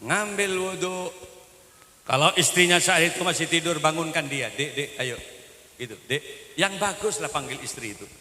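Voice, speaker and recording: A man preaching a sermon in a large mosque, telling lively stories with loud exclamations. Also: on the high side, moderate pace. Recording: echoey mosque hall with long reverb.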